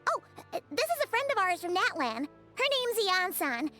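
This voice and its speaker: A woman's voice: very high voice, sing-song, normal speed, sharp tone, soft background music, heavily acted. A woman voicing a small, blunt, chirpy floating girl companion in a game, talking casually and teasing. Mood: chatty. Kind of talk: game voice acting.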